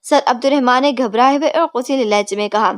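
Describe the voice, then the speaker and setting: A woman reading a novel aloud in an even storytelling manner. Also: sits high, no echo, clean studio sound. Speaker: audiobook narrator.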